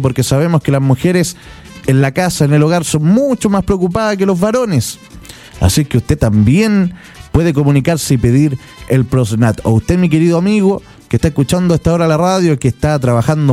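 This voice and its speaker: A Chilean man delivers a radio infomercial in a soft, mellow, slightly high voice. He speaks to listeners as dear friends and keeps repeating his persuasive offer. Music plays along behind him. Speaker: radio host selling a product. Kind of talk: infomercial sales pitch.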